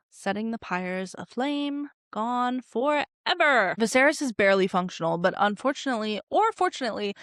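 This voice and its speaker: Woman recap host, sarcastic and animated, slightly high voice, dry close sound. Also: no echo. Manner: opinionated, animated, sarcastic asides. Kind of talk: casual recap commentary.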